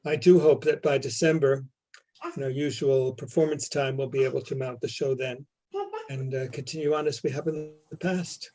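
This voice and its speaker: A man heard over a video call as an interview guest, his voice mellow and warm. He speaks calmly and evenly, taking his time with each answer. The sound carries the slight thinness of a remote link. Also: medium pitch, moderate pace. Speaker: head of a theater company.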